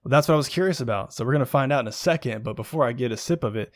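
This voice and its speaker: A man's voice: mid-range voice, very fast, dry recording. Chatty young man. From Virginia, USA. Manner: rambling, chatty, lots of ums and likes. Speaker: podcast co-host reviewing craft beer. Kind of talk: casual chat.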